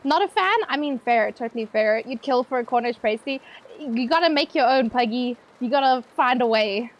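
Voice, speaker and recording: A woman's voice: fairly high pitch, animated, normal speed, dull audio. A young woman streamer chatting casually with her viewers while gaming, playful and teasing, laughing often.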